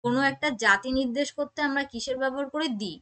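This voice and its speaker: A woman teaching an exam-prep grammar lesson, explaining slowly, repeating points and asking checking questions. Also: high-pitched, sharp tone. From West Bengal. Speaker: English teacher.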